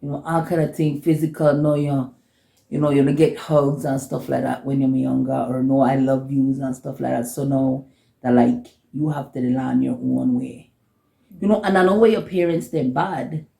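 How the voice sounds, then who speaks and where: A woman in her forties speaks with a Belizean Kriol accent in a relaxed, creaky voice. She chats casually and haltingly, repeating phrases as she goes. The room around her is echoey. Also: a bass voice. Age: 40s. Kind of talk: casual sisterly chat.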